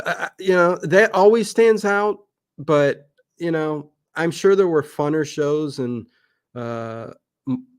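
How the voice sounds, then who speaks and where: A middle-aged livestream host, being interviewed, talks off the cuff in casual chat that rambles and doubles back on itself. His voice is medium-pitched and clean, and the dry sound has very little room in it.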